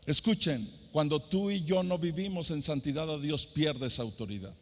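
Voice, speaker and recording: Mexican pastor preaching in a high voice. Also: male voice, normal speed, fairly bright tone. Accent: Mexican (San Luis Potosí). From San Luis Potosí, Mexico. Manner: preaches with rising, almost sung emphasis and rhetorical questions. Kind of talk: sermon. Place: large hall at a youth conference. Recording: long hall reverb.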